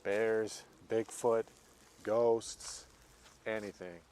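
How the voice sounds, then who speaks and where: A man filming himself outdoors in the woods on a handheld camera, talking nervously, dropping to whispers and then calling out loudly. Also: lowish voice, fairly even intonation, drawn-out words, a little hiss or hum. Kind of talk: handheld found-footage commentary.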